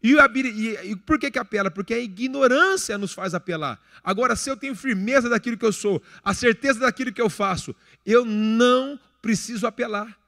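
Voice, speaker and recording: A man's voice: very high-pitched, fairly quick, pushed and bright. A man in his thirties with a Brazilian accent, preaching a sermon in a conversational, joking way and acting out little everyday scenes. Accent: Brazilian Portuguese. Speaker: pastor. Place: church hall. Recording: long church reverb.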